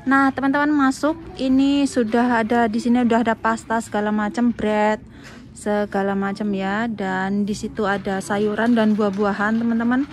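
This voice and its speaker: Holding her phone or camera at arm's length, a woman vlogs a shopping trip, talking to viewers like friends in a chatty, casual way. She starts outside by roads and car parks, then heads into a supermarket. Her voice is a little high and level, at normal speed, with slight background noise.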